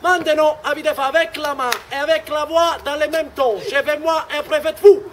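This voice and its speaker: A man, an actor, coaching a live audience through call-and-response in an animated way. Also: extremely high pitch, moderate pace, slight background noise. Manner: animated, coaching the crowd, mixing Italian words. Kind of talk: live children's theatre audience warm-up.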